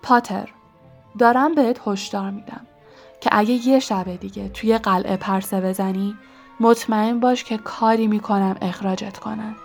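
A woman voicing a cold, sneering male schoolmaster who speaks in a smooth, oily, threatening way in a storybook reading. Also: medium pitch, steady tone, soft background music, lightly acted. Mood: menacing.

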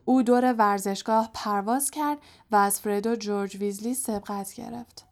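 A woman narrating an audiobook in a calm, soft storytelling voice. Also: mid-range voice. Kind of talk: scripted narration.

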